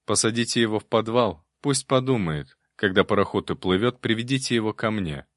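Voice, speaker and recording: A man voicing a cold, commanding monastery abbot who speaks sternly and in measured phrases. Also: lowish voice, dry recording, clean studio sound, lightly acted.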